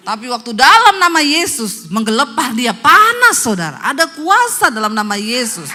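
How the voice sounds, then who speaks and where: Animated woman pastor preaching in a hall. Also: a little slow. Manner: animated storytelling, acting out voices in high pitch. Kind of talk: sermon. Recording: long hall reverb.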